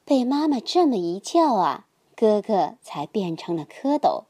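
A woman narrating a children's bedtime story in a gentle, sing-song manner. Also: medium pitch, sing-song, a little slow, dry recording, clean studio sound.

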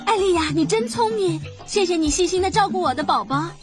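A woman's voice: extremely high pitch, expressive, brisk, music in the background. A woman voicing a worried but grateful mother macaw in a children's cartoon. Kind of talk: animated children's show dialogue.

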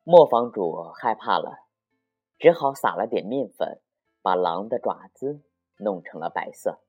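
A man narrating a children's story in a slow, expressive, sing-song way. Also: fairly low pitch, husky, soft background music.

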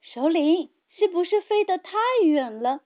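A woman's voice: extremely high pitch, lively intonation, a little slow. A woman voicing a little cat-fish creature, childlike and squealing, in a children's storybook. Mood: scared. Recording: tinny phone-like sound.

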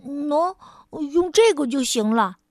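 A woman's voice: high-pitched, lively intonation, takes it slowly, no room sound, studio quality. A woman voicing a kind, slightly grumbly hedgehog in a children's storybook. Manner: complaining, then helpful.

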